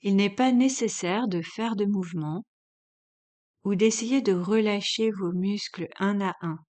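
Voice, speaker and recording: A woman with a mid-range voice leads a guided yoga relaxation as the instructor. She speaks calmly, giving measured instructions separated by long pauses.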